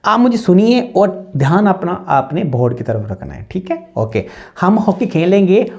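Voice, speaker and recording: Man teaching at a board, slow drills. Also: sits high, sing-song, gravelly, a little mellow. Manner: drills example sentences slowly and repeats them; brisk explanations with frequent checks like "ठीक है". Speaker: English teacher. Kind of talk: spoken-English lesson. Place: classroom with a board.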